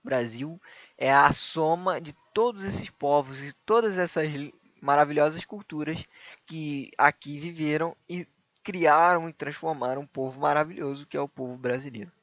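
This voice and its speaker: A man's voice: fairly high pitch, normal speed, fairly bright tone, dry recording, highs cut off. A man with a Brazilian Portuguese accent teaching a recorded history lesson for exam prep, explaining step by step, asking himself rhetorical questions and adding tag questions.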